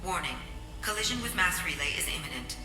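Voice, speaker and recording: Calm flat station computer voice, low pitch, booming through a big echoey hall over loud game music. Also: female voice, distant mic. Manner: calm, even, measured announcements.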